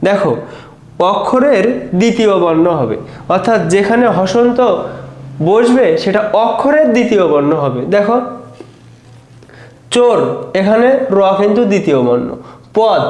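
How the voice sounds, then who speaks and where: Man, teacher, high voice, patient step-by-step explaining, roomy echoey sound. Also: darkish tone. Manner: patient, step-by-step, keeps saying "look". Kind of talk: exam-prep grammar lesson.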